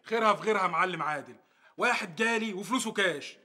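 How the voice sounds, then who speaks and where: A shady Egyptian dealer, swaggering, very fast, bright and high. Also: male voice, heavily acted. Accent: Egyptian Arabic. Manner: swaggering, dismissive. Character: boastful shady antiquities dealer. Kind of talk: sitcom acting.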